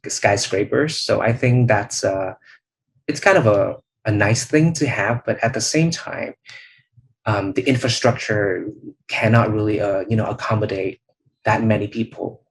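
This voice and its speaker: A young man with a fairly low voice, speaking over a video call. He answers in a relaxed, reflective way and pauses often to gather his thoughts. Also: poor audio. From Vietnam. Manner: thoughtful, many "um" and "you know" pauses. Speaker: channel host, interviewee. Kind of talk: speaking test practice answers.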